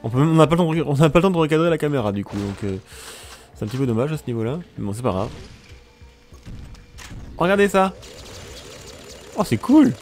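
A man's voice: mid-range voice, very fast, darkish tone, soft background music. A man doing casual, joking commentary over his own gameplay, exclaiming at the action and talking to his viewers. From France. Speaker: let's play commentator.

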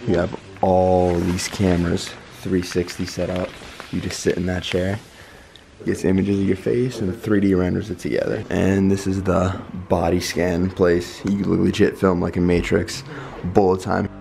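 A young man talks to a handheld camera in a relaxed, offhand way, swearing without thinking. His voice sits low. Constant noise runs under the location audio. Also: unhurried, gravelly. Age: young adult. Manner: laid-back, swears casually. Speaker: fitness vlogger. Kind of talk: casual vlog narration.

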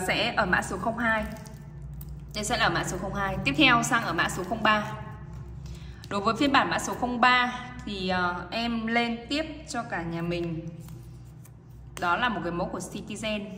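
A woman selling watches in a casual, insistent hard-sell pitch, repeating herself and often checking for agreement. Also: pushed and bright, in a large hall, slight background noise. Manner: repetitive, insistent, seeking agreement with tag questions. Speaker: online watch seller. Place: indoor watch display table.

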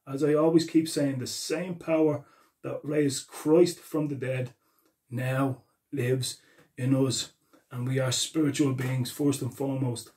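A man's voice: medium pitch, mellow. A man preaching an earnest sermon, reading and explaining scripture verses and repeating the references as he goes.

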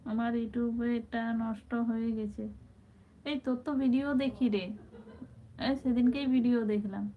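Woman, live stream host, affectionate casual chat, slightly high voice, tinny phone-quality sound. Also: steady tone, moderate pace. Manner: chatty, affectionate, calls viewers brother and sister. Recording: tinny phone-like sound with faint background noise.

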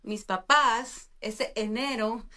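A middle-aged woman from Honduras tells her story in a cheerful voice that sits slightly high. She talks into a studio mic in a home studio. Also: fairly even intonation, takes it slowly, pushed and bright. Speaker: guest. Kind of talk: casual chat. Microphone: studio mic with headphones.

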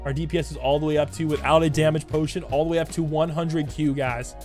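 A man with a hoarse, raspy smoker's voice, recovering from losing it, giving slangy, hyped game commentary to his viewers over music. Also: fairly high pitch, fairly even intonation, fast, a little mellow. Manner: slangy hype talk addressed to viewers. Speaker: gaming YouTuber. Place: indoor room at a computer. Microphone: desk microphone close to the mouth.

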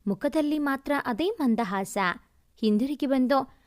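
A young woman narrating a first-person audio story in a wry, expressive way. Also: sits high, unhurried.

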